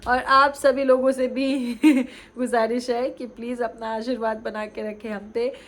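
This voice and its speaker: Speaking in a fairly high, fairly flat voice at a measured pace, a young woman nursing a cold and sore throat talks to camera in a relaxed home vlog at night. She comes across as chatty and affectionate, like a mother addressing her viewers.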